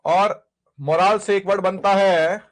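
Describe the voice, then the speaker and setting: Speaking slowly in a high, steady voice, a male English teacher leads an exam vocabulary lesson. Repetition drives his drilling of word lists, and he answers his own questions.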